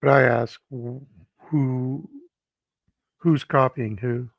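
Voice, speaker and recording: Slow, gravelly man on a dull, dry line. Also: mid-range voice, fairly even intonation, no room sound. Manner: halting, restarts before making his point. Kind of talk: casual conversation.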